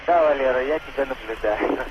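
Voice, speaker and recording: A man chatting over a crackly radio transmission from a space station, brisk and matter-of-fact. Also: medium pitch. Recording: noisy distant radio link.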